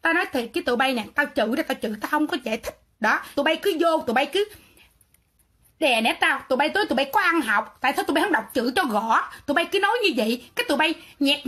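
A woman with a Southern Vietnamese accent ranting into her livestream, her voice very high and piercingly bright. She sounds defiant and sarcastic, and she keeps talking back in a quarrelsome way. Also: expressive, fast. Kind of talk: livestream rant.

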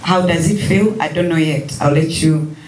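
A woman in her thirties answering questions at a press conference in a measured, gentle way. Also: deep voice. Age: 30s. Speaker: guest artist at press conference. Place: large room at a press table. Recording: echoey room, faint noise.

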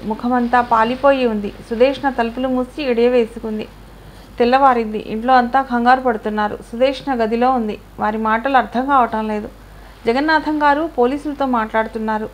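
A woman narrating an audio short story in a calm, even storytelling manner. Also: a little high, slight background noise.

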